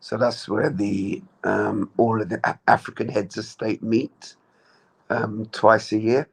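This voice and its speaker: A man answers interview questions in a measured, plain way. His low voice has a gravelly, husky grain to it. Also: level tone, rough recording. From Jamaica. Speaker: interview guest, traveler.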